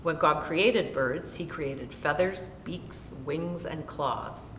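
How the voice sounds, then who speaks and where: An older woman slowly reads a Bible story aloud for children, seated in a small room and taking long lists word by word. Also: fairly bright tone. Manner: slow, deliberate reading of long lists. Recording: roomy echo with long reverb and faint rumble.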